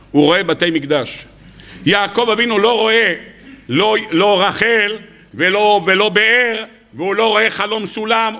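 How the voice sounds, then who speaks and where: Male rabbi preaching, high and bright, teasing rhetorical style that slips into acted dialogue. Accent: Israeli Hebrew. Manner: rhetorical questions and playful mockery; animated, acts out quoted dialogue. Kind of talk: sermon.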